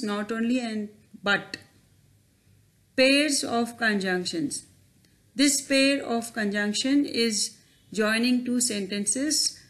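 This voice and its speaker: A woman's voice: on the high side, a bit bright. A woman teacher, explaining grammar over slides in a careful, questioning way. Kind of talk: slide-based grammar lesson.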